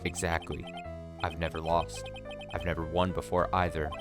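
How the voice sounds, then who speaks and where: A man's voice: low-pitched, little pitch movement, normal speed, over music, voice pushed down, lightly acted. A man voicing an arrogant, cryptic prosecutor in a courtroom game, smug and scornful, throwing questions back at people.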